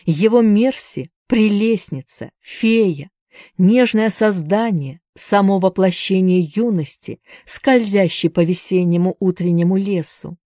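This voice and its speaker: A woman's voice: medium pitch, measured pace, warm tone, dry recording, clean studio sound. A woman reading a novel aloud as a narrator, stressing the lines of dialogue. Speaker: audiobook narrator. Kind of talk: scripted audiobook narration.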